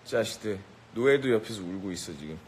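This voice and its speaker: A man with a slightly low voice jokes around with a live crowd. His tone is brash and boastful, and he barks playful orders and taunts. A faint rumble sits underneath. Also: lively intonation, fast talker, low-quality recording. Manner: brash, boastful, mock-bossy. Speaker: rapper addressing a live audience. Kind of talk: teasing live banter.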